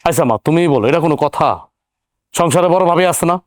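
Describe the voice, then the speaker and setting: Man as a hot-headed young son, indignant, smooth and clear, dry close mic. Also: a little high, fast talker, no room sound, close to an everyday voice. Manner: argumentative, indignant questioning. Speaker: younger brother-in-law. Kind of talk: TV drama acting.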